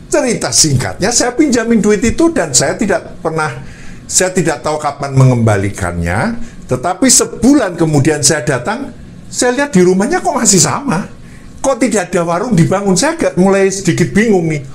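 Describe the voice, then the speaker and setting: Guy preaching, tells his story all lively, pretty high voice, bit of faint room hum. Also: normal speed. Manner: lively storytelling, addresses listeners as brothers. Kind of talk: storytelling sermon.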